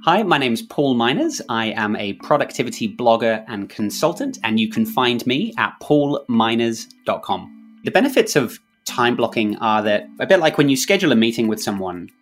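Methodical man explaining, mid-pitched voice. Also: big pitch swings, normal speed, soft background music. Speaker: podcast guest, productivity consultant. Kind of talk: explanatory talk, advice.

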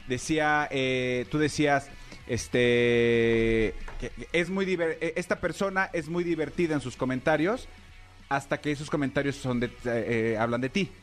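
A man's voice: medium pitch, a little slow, faint music behind. Hesitant male radio co-host. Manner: hesitant, rambling, many fillers. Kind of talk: casual radio banter. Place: radio studio.

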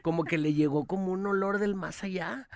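A man's voice: sits high, fairly even intonation, fairly quick. A man with a Mexican Spanish accent, hosting a morning radio show and telling stories with acted-out quotes in joking banter.

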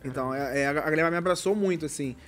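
A man's voice: fairly high pitch, rapid-fire, fairly bright tone, soft background music. A Brazilian man with a tongue-tied, slushy lisp on his s sounds, chatting casually and insistently, often repeating himself. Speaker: reality show ex-contestant guest. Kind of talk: casual chat.

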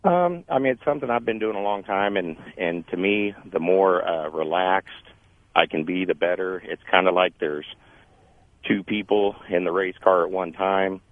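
Deep-voiced male caller on a phone line. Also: moderate pace, no echo. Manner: informal, thinking aloud with restarts. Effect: heard over a phone line. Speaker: radio show caller. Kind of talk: casual phone-in chat. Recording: tinny dry phone line.

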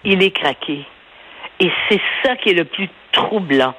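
An older woman with a Québécois accent, a newspaper columnist talking in a radio interview, animated and rambling, laughing often and stumbling over her words. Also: lowish voice, a little slow, husky, low-quality recording. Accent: Québécois French.

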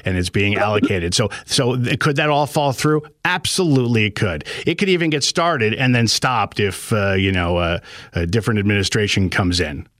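A man's voice: lowish voice, moderate pace, a bit bright, no echo. A middle-aged man hosting a casual radio call-in show from a studio, rambling and hesitant as he chats. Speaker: radio talk show host. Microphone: close studio microphone.

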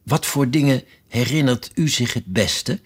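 A man's voice: medium pitch, a little slow, breathy edge, voice pushed up. A man reading a storybook aloud and voicing a polite, puzzled young girl who asks earnest, wondering questions.

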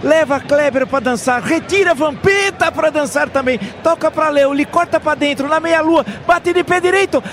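A man performing as a fervent radio football commentator, with explosive goal commentary, drawn-out shouted calls and emphatic repetition. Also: extremely high pitch, slight background noise. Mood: fervent, excited. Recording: music behind the voice.

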